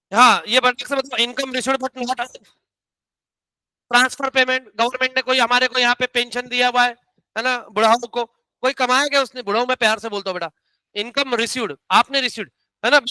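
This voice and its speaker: A man teaching economics to a class, teasing his students and calling them beta while he slowly spells out formulas. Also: very high voice, pushed and bright, clear, resonant tone, no room sound. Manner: teasing, calls students beta, drags out key terms. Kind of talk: classroom lecture.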